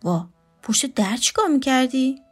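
A sarcastic female houseguest who needles and teases in a sharp, bossy way, as a woman narrator reads her lines. The voice sits fairly high. Quiet music plays under the storytelling. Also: lively intonation. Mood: teasing. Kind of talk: read storytelling.

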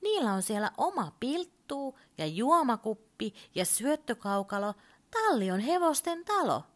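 A woman's voice: sing-song, a bit bright. Woman reading an explaining storybook bear. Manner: explains, growing exasperated and shrill. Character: patient, explaining male toy bear.

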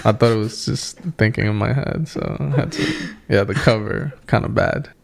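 A man's voice: fairly low pitch, normal speed, vocal fry. A man co-hosting a podcast, reviewing albums in a joking, slangy way, often repeating himself. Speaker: podcast co-host. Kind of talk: casual music review chat.

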